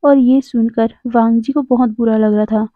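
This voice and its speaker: A woman's voice: fairly high pitch, steady tone, moderate pace, no room sound. A woman narrating a fan story for viewers, rephrasing as she goes. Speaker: fanfiction narrator. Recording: tinny phone-like dry sound.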